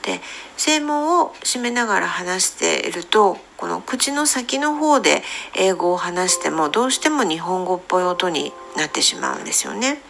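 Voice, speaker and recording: A woman who coaches English pronunciation, talking on her own podcast in a gentle, explaining way with many fillers. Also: fairly low pitch, sing-song, moderate pace, gravelly, slight background noise. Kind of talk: solo podcast talk.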